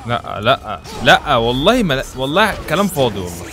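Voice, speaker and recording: A man with an Egyptian Arabic accent giving live gameplay commentary, muttering to himself and breaking into panicked yelling. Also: mid-range voice, big pitch swings, quick pace, soft background music. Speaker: gaming channel host.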